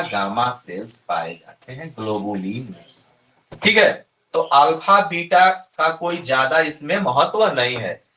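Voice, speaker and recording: A man's voice: mid-range voice, pushed and bright. A man giving a lesson, asking his students questions and answering them himself. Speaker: teacher. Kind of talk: classroom lecture. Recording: echoey room.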